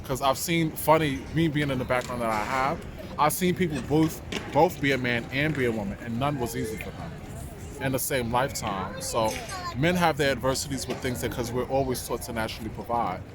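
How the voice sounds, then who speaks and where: A man from New York, interviewed casually on the street in a city park, answers thoughtfully and conversationally with a New York accent; he's a dancer and actor. His medium-pitched voice runs a little fast, with background music, city noise, and traffic passing by.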